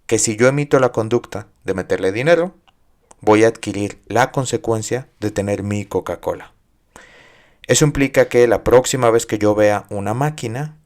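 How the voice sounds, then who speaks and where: A man's voice: fairly low pitch, darkish tone. A man hosting a psychology podcast, explaining ideas in a casual, conversational way and putting questions to his listeners. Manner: conversational, asks listeners questions, uses everyday examples.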